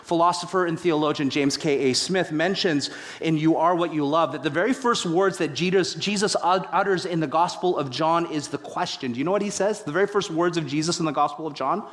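A man's voice: fairly quick, a bit bright. Man preaching in a reverberant hall. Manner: storytelling with dramatic pitch swings and playful humor. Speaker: pastor. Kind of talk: sermon.

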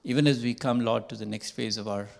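A man's voice: mid-range voice, steady tone, creaky. An older man, a church elder, leading a solemn congregational prayer and repeating "Lord" often. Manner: slow, solemn, measured praying with repeated "Lord".

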